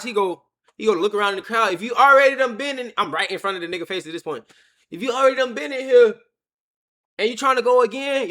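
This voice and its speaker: A young man, telling a story to his live chat on a webcam mic and acting out the other people's lines with lively energy. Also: sits high. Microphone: webcam or phone on a stand.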